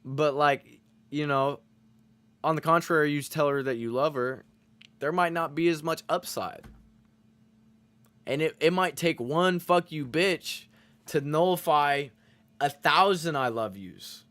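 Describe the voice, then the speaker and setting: A man's voice: on the high side, unhurried, long pauses, fairly bright tone, smooth, no echo. A man streaming to his chat, rambling and self-reflective in casual motivational talk, full of fillers and frequent swearing.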